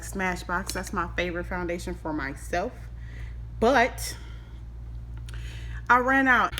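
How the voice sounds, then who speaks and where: Giggly, tipsy young woman, bright voice. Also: mid-range voice, slight background noise. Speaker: vlogger giving a makeup tutorial. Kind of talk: casual chat to camera. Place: small room at home, indoors.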